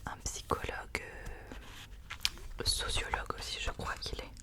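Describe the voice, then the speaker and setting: Someone speaking in a hushed, unvoiced library whisper, sharing and reading books in an informal ASMR style. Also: measured pace. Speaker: ASMR host. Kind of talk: whispered ASMR book recommendations and reading aloud.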